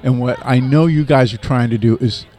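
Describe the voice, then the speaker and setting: A man of ordinary pitch hosts a relaxed interview. He keeps asking leading tag questions to draw his guests out. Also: moderate pace. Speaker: interview host. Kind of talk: casual interview.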